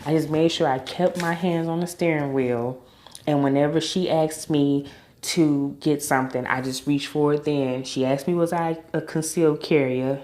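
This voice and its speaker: Low mellow woman chatting through a reality show recap, bit of room echo. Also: steady tone, normal speed. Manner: chatty, opinionated, informal slang. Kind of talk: casual recap commentary.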